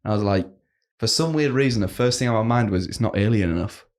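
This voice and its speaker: A man's voice: on the low side, animated, fast talker, darkish tone. A young man co-hosting a casual podcast, laughing often and swearing freely. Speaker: podcast co-host. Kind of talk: casual banter.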